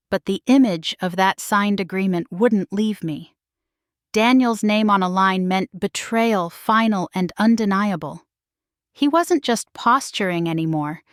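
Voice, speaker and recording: A woman narrating a dramatic first-person story in a measured, emotional way. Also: mid-range voice, no echo, clean studio sound.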